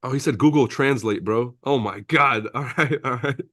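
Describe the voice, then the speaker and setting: A brash, foul-mouthed Lebanese man whose first language was French runs a casual trading livestream, reading out viewer comments and calling everyone bro. He speaks at a moderate pace in a fairly bright voice of ordinary male pitch. The recording is close and dry, with no room sound.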